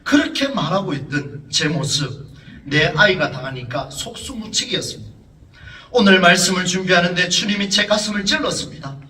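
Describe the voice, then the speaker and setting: A man's voice: high voice, lively intonation, normal speed, sharp tone, distant mic, a little hiss or hum. A man, a pastor, preaching earnestly and dramatically in church, with rhetorical questions to the congregation. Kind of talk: sermon. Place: church sanctuary. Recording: echoey church, voice from off the mic.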